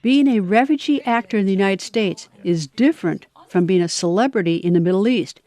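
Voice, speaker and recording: A woman reading scripted documentary narration in a measured, even way. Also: medium pitch.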